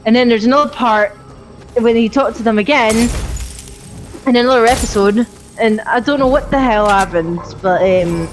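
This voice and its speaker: A woman's voice: fairly high pitch, moderate pace, soft background music, rough recording. A woman chatting casually while playing a game, rambling and hesitant with many restarts. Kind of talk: casual chat.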